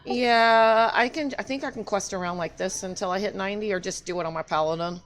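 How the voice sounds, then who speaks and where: A woman's voice: mid-range voice, a little fast, soft background music, low-quality recording. A woman talking casually as she plays a video game, in the manner of a streamer. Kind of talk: casual gaming chat while playing.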